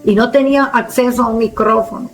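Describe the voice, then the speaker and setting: A woman evangelist preaching a sermon with a strong, forceful speaking tone, emphatic and direct, speaking with authority. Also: fairly high pitch, steady tone, brisk, soft background music, poor audio.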